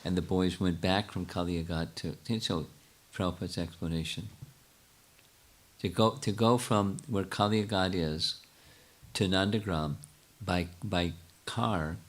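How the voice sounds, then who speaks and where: In a lecture, an older spiritual teacher with a low voice takes questions from the audience. He thinks aloud haltingly, pausing often and restarting sentences, while his tone stays steady.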